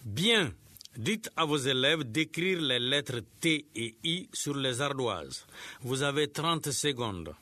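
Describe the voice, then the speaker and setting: A man teaching a scripted radio lesson, giving slow, clear instructions to teachers and pupils. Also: medium pitch, expressive, pushed and bright.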